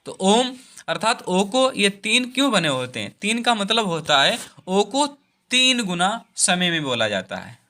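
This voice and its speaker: A man's voice: high-pitched, sing-song, unhurried, sharp tone. A man teaching a Hindi grammar lesson, repeating each point and drawing out the vowel sounds.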